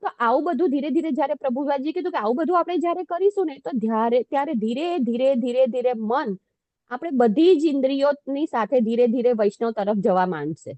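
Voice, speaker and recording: High-voiced woman giving a devotional class. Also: a little fast, warm tone, no room sound. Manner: conversational, self-deprecating, asks the audience questions.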